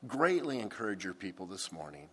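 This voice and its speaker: A pastor preaching a sermon into a pulpit microphone, with a deliberate, emphatic delivery. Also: male voice, sits low, sing-song, fairly bright tone, breathy edge. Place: church sanctuary. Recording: long church hall reverb.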